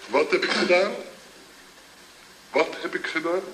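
A man's voice: on the high side, a little slow. An actor playing a hungover, groggy man who rambles and chuckles through a phone call to his drinking buddy in a comedy sketch. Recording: old echoey recording with loud hiss.

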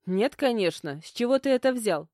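A woman's voice: medium pitch, lively intonation, moderate pace, darkish tone, no room sound, studio quality, lightly acted. A woman voicing a stubborn young female student who snaps back indignantly in an audiobook. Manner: snappish, indignant.

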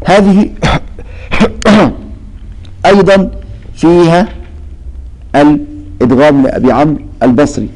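A man's voice: on the high side, animated, slow, pauses often, a little mellow, rough recording. A man teaching a Quran recitation lesson. He asks questions and then answers them himself, and he addresses his students by name. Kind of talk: explaining lesson with recited verses.

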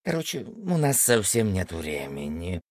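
A small, jittery leprechaun, as a male reader voices him, hedging and mumbling his confessions. His pitch swings widely between up and down, recorded dry and close. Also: sing-song, measured pace, dry recording, exaggerated voice. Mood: evasive. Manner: hesitant, evasive, mumbling. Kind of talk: audiobook character voice.

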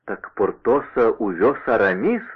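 Man playing a bold musketeer, loud and hearty, exclaims a lot, tinny radio sound. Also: lowish voice, sing-song, husky, full character voice. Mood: impatient. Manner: exclamatory, brisk. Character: bold young male musketeer, impulsive, hearty.

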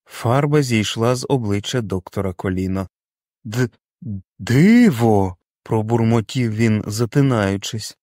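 A man's voice: fairly low pitch, normal speed, darkish tone, no room sound, studio quality. A man narrating a story as an audiobook, reading expressively.

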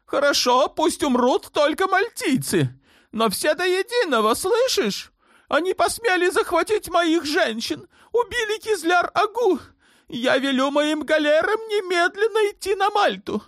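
A man's voice: sing-song, measured pace, fairly bright tone, no echo, studio quality, exaggerated voice. A man voicing a hysterical, tyrannical young sultan in an audiobook, shrieking his orders in fits of rage. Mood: raging. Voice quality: shrill screaming. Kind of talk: audiobook character voice.

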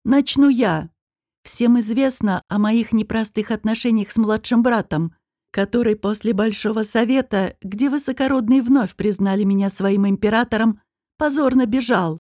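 A woman voicing a stern male emperor who speaks in a measured, accusing way. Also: a little high, darkish tone, no echo, clean studio sound, lightly acted.

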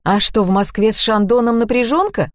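A woman's voice: a little high, a little fast, no echo, clean studio sound, voice pushed up, close to an everyday voice. A woman doing a wry, amused man.

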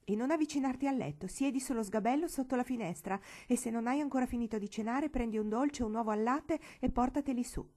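A woman's voice: fairly high pitch, fast, hardly any pauses, a little mellow, pitched above the performer's own voice, lightly acted. A woman voicing a stern old aunt with a remote, tearful, cavernous voice and a commanding manner in a storybook reading.

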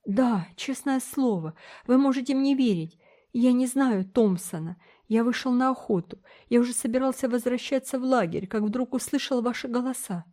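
A woman's voice: moderate pace, mellow, natural voice. A woman voicing a frightened teenage boy who pleads and protests in a raised, breathless voice. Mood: pleading. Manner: breathless, high pleading cries.

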